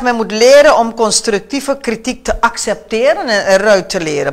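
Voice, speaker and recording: A middle-aged woman with a Surinamese Dutch accent, a guest on a talk show, speaking emphatically with rhetorical questions and English phrases mixed in. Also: mid-range voice. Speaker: guest commenting on politics.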